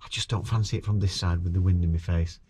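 Chatty angler by a lake. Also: male voice, sits low, steady tone, quick pace, darkish tone, a little hiss or hum. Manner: chatty, explains his fishing plans. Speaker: angler vlogger. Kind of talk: casual talk to camera. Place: outdoors beside a lake in winter.

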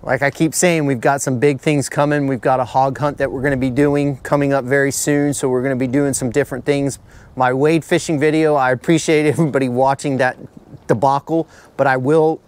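A man's voice: mid-range voice, little pitch movement, brisk, clean tone. A middle-aged man hosting a fishing forecast outdoors on a boat, talking plainly and chattily, often repeating himself. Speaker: fishing channel host.

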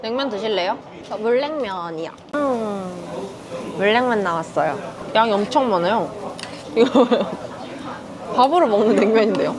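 A woman food vlogger chatting playfully as she eats, full of quick exclamations. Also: medium pitch, expressive. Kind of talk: casual mukbang chat. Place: busy restaurant. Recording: restaurant crowd chatter behind. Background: diners chattering.

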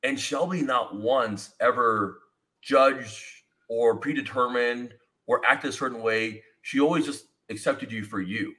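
A man in his thirties hosts a laid-back podcast from his home studio indoors, a foam-panel wall behind him, joining by video call. His medium-pitched voice is unhurried, yet he rambles energetically through stories with expressive gestures, and the recording is rough.

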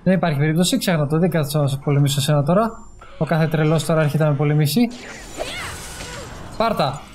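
A man giving casual gameplay commentary, excitable, yelping and swearing in English when surprised, talking into a gaming headset. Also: on the high side, soft background music. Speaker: gaming streamer.

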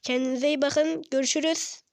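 A woman's voice: high voice, fairly even intonation, normal speed, no echo. A woman hosting a gaming video, narrating her matches playfully and teasing and scolding her game character. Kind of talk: playful gameplay narration with banter.

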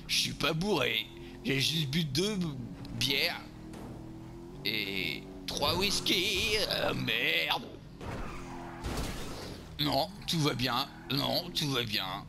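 Un homme jouant un beauf marseillais bourru. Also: male voice, medium pitch, vocal fry. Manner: crude, vulgar grumbling, talking to himself while playing. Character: boorish drunk beer-loving lout, man, crude and brash. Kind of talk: game role-play commentary.

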